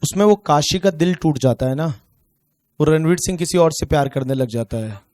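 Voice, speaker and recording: A man with an Indian accent teaching an online tax class, chatting casually and joking, then slowly dictating questions. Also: a little high, lively intonation, darkish tone, no echo, clean studio sound.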